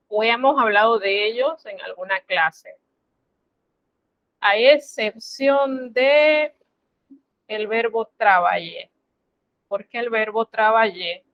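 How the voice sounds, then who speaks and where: A woman teacher talks slowly and patiently through a lesson, giving students step-by-step instructions. Her voice sits a little high. The sound is dry and a bit muffled, like a computer mic on an online class. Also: no echo. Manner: slow, patient, instructive, addresses students formally. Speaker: French teacher.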